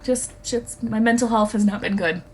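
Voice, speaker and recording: A woman's voice: on the high side, normal speed, darkish tone, a little hiss or hum. A woman co-hosting a podcast in casual chat, chatty and giggly, swearing freely. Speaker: podcast co-host.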